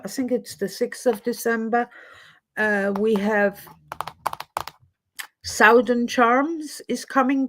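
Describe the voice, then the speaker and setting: Broadcasting live from home in Edinburgh, this slow-spoken host originally from Switzerland, with French as her first language, chats casually with her viewers. Her voice sits a little high. She tends to ramble and frequently drifts off her point.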